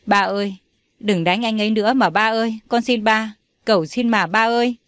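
A woman's voice: fairly high pitch, fairly even intonation, normal speed, no echo, studio quality, lightly acted. A woman voicing a desperate young daughter who begs her father in an audio story, tearful and imploring.

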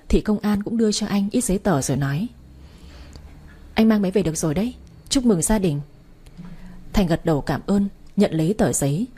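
Husky-voiced woman narrating a sad story. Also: mid-range voice, dark tone. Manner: grieving, emotional storytelling. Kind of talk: first-person audiobook narration.

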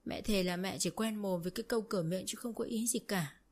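A self-pitying older mother-in-law who wails and dramatizes every complaint, voiced by a woman narrator. She sounds loud and theatrical, full of put-on grief. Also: medium pitch, quick pace, natural voice. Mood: wailing. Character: weepy manipulative rural older mother-in-law.

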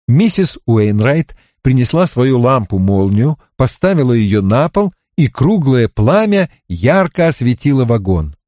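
A man narrating a novel as an audiobook in an expressive, measured reading. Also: mid-range voice, no echo, clean studio sound.

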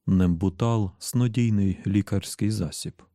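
A man reads an audiobook with a low, mellow, warm voice. His delivery is steady and even, recorded close and dry with no room sound. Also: unhurried, dry recording. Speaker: audiobook narrator. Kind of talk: scripted narration.

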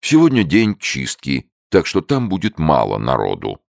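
A man's voice: rumbling low, huge pitch swings, normal speed, gravelly, no room sound, clean studio sound, full character voice. A man doing a stern, blustering zoo director. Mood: hesitant. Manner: loud, commanding outbursts. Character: stern, easily startled male zoo director.

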